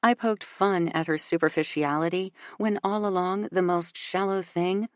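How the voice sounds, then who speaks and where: A woman narrating a first-person audiobook in a measured, intimate way. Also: on the low side, fairly even intonation, clean tone, no echo, highs cut off. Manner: measured and intimate, voicing each character.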